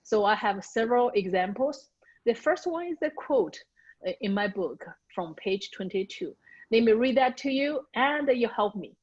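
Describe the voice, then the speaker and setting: A woman's voice: a little high, expressive, moderate pace, darkish tone, slightly rough, lo-fi sound. A woman who learned English as a second language, an author carefully practicing the pronunciation of hard words with her coach. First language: not English. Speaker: author learning audiobook narration. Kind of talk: recorded coaching session.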